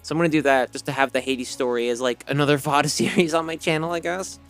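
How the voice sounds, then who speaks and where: Soft music plays behind a slightly hoarse man talking fast in a fairly high voice with fairly even intonation. Streaming a game, he reads the story text aloud, then chats casually, rambling and self-correcting with lots of fillers.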